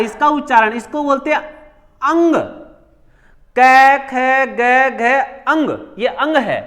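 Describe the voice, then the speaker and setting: High-voiced male teacher drilling grammar. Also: a bit bright. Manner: repeats key words, asks and answers himself. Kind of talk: classroom grammar lesson. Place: coaching class.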